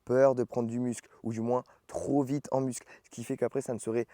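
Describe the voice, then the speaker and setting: A man's voice: mid-range voice, little pitch movement, brisk, warm tone, no echo. A young man chatting casually to camera as a fitness vlogger, explaining with fillers and self-corrections. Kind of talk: casual vlog talk to camera.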